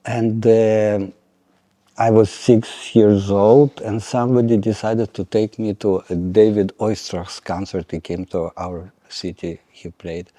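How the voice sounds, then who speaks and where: Older man, violin teacher, very slow delivery, mellow tone, dry humor. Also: on the low side, fairly even intonation, no echo. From Lithuania. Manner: measured, searching for words, dry humor. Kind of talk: conversational interview.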